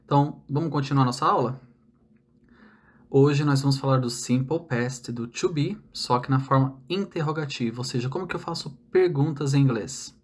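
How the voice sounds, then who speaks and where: A man's voice: medium pitch, moderate pace, slightly rough. Brazilian man teaching English, chatty. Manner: explains step by step, frequent tag questions. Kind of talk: online language lesson.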